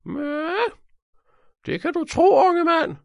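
A man voicing a sly old cleaning lady with a shrill, hissing voice in a children's audiobook. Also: gravelly, dry recording, dull audio. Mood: sly, fussy. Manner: fussy, excitable storytelling. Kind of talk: storybook character voice.

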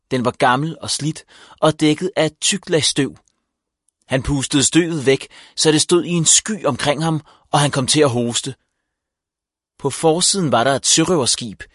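A man reading a children's book aloud as narrator, with an even storytelling delivery. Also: a little high, no echo, clean studio sound. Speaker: audiobook narrator.

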